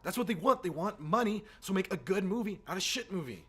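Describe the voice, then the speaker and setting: A man with a high, slightly bright voice and a breathy edge rants fast with lively intonation. He's a gaming video host, exasperated, informal and swearing as he opines to camera, over background music.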